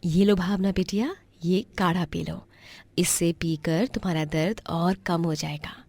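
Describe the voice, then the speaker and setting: A woman voicing a kind, gentle older mother who talks softly and soothingly. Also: on the low side, steady tone, a little slow, gravelly. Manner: soft and soothing.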